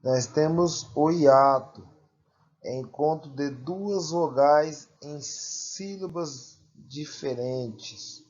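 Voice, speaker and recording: Slow, deliberate male teacher. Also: a little high, darkish tone, lo-fi sound. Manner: slow, deliberate, repeats and stretches example words. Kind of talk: grammar lesson.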